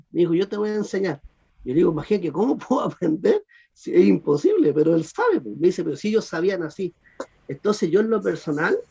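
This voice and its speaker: A man lectures over a video call, walking students through grammar rules and pausing to check they understand. His voice is husky and gravelly, pitched a little high. The audio is dull and lo-fi. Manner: explanatory, animated, asks students if they follow. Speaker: Greek grammar teacher. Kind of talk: online class lecture.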